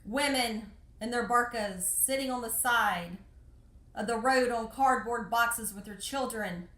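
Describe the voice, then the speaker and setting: A woman's voice: on the high side, a little slow, a bit bright, roomy sound. An American woman talking to the camera about her travels, emotional and close to tears, pleading and repeating herself with passion. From United States. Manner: impassioned, pleading, repeats phrases. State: tearful, emotional. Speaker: vlogger. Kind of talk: emotional personal monologue.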